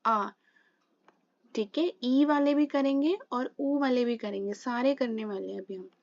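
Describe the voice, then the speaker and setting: A woman's voice: fairly high pitch, a little slow, a little mellow, no echo, lo-fi sound. A woman teaching a Hindi grammar lesson for exam preparation. She works through examples and answers her own questions.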